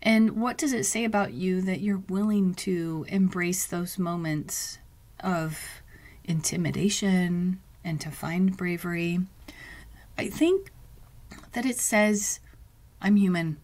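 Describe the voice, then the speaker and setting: A woman hosting her own podcast, speaking in a reflective monologue and thinking aloud with pauses and restarts. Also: medium pitch. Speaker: podcast host.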